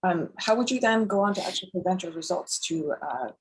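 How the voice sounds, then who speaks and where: A woman interviewer with a slightly low, husky voice poses questions in a conversational way. Her delivery is that of someone guiding a candidate through an interview. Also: animated, a little fast, poor audio.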